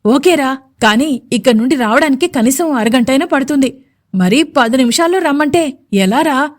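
A hesitant young man in a storybook audio drama answers with anxious questions, played by a woman narrator. His voice sits fairly high. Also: animated, normal speed.

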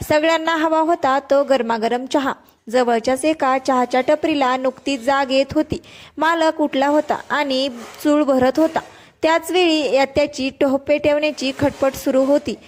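A woman narrating a first-person story in a steady, descriptive storytelling manner. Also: high voice.

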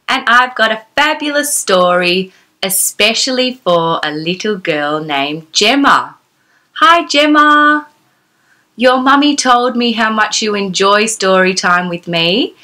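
A woman in her thirties with a sharp-toned, medium-pitched voice presents a children's storytime from a small decorated indoor room. Reading aloud, she's exclamatory and sing-song, stopping to ask the young listener questions.

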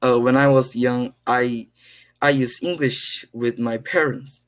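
A Korean-accented teenage boy practises casual English conversation on a video call, speaking carefully and haltingly with many fillers. He's in a small room at home, recorded through his laptop mic, his steady voice sitting at a middle pitch for a young man.

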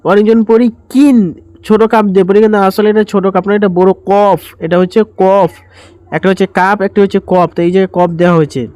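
A man teaching Quran recitation step by step, explaining each word and then chanting the verses slowly and drawn out. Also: high-pitched, steady tone, darkish tone, clear, resonant tone, no echo. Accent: Bangladeshi Bengali.

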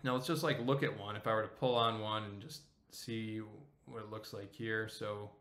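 A man in his thirties teaching accounting software on a screen share, casual and explanatory, often checking in with "okay?". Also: fairly low pitch, fairly even intonation, moderate pace. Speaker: accounting instructor.

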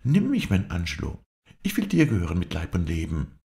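A man's voice: sits low, wildly swooping pitch, a little fast, gravelly, mellow, pitched above the performer's own voice, exaggerated voice. A man voicing a fickle young noblewoman, speaking in a raised, exclaiming voice. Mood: pleading.

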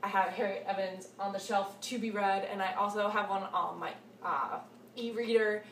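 A woman in her twenties, a book vlogger, chats casually to camera, gushing and repeating words for emphasis. Her voice is medium-pitched and fairly bright, with fairly even intonation at a moderate pace. She's in a small cluttered room at home, picked up by a camera mic a short way off, so the sound is echoey with faint hiss.

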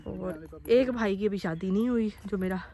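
A woman chatting to her phone camera while walking through farm fields, a bit out of breath and hoarse. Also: medium pitch, fairly even intonation, moderate pace, warm tone, slight background noise. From Pakistan. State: slightly out of breath and coughing. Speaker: vlogger. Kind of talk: casual walking vlog narration. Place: outdoors in open farm fields. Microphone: phone camera held while walking.

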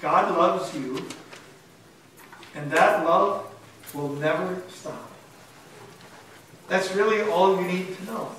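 A pastor preaching a sermon in a church sanctuary, earnest and emphatic, often asking the congregation rhetorical questions. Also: male voice, high-pitched, slow, pauses often, a bit bright, slight background noise. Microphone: far camera. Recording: echoey church from far off.

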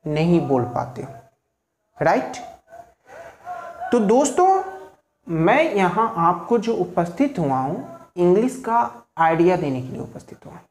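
A man's voice: high-pitched, very animated, unhurried, long pauses, darkish tone. Male teacher in an echoey room. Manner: asks rhetorical questions and repeats key points. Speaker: English teacher. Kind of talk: spoken language lesson. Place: at home. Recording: roomy echo, faint ambient noise.

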